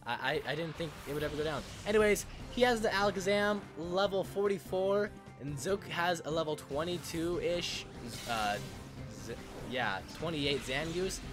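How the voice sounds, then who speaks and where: A man's voice: a little high, moderate pace, over music. Joking let's play host guy. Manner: joking, rambling. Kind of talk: casual gameplay commentary.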